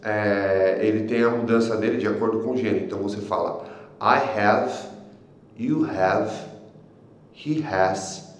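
A man with a Brazilian Portuguese accent teaching an online language lesson, often pausing on filler sounds and checking in with tag questions. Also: fairly low pitch, very echoey, slight background noise. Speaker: English teacher.

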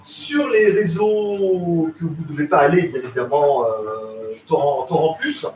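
A man chats through a live tech podcast in a rambling, slangy way, full of fillers. His voice sits a bit on the high side. He is heard from some distance in an echoey room with a faint hiss behind him. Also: lively intonation, unhurried. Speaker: podcast host. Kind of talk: casual live tech chat. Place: home in Thailand.

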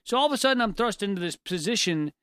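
A man co-hosting a casual chat, telling stories in an animated, self-deprecating way with frequent laughter. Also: sits high, quick pace, smooth, no room sound. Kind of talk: casual conversational storytelling.

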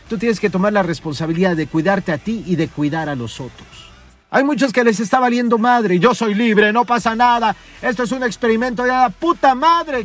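A man rants through a podcast monologue in a high-pitched voice, swearing freely and scolding his listeners. Soft music plays faintly underneath. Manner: profane, scolding, mocking. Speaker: podcast host. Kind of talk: ranting motivational monologue.

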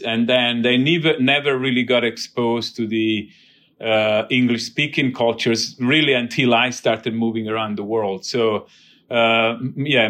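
A man from near Naples with an Italian accent, a biotech CEO talking casually as an interview guest, pausing often with fillers. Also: medium pitch, fairly bright tone. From southern Italy, near Naples. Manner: thoughtful, many restarts and filler "uh".

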